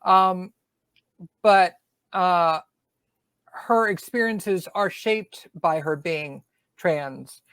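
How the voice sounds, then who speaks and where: A woman's voice: fairly low pitch, very slow, long pauses, fairly bright tone, clean tone, no room sound. Woman author, faint Southern twang. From Georgia, US. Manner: thoughtful, many fillers and restarts. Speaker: author guest. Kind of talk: casual interview chat.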